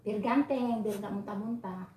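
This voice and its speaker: A woman's voice: medium pitch, moderate pace, dark tone, slight background noise. A woman at home talking in a doting, coaxing baby-talk to her pets as she gives them medicine. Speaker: pet owner. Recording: echoey room.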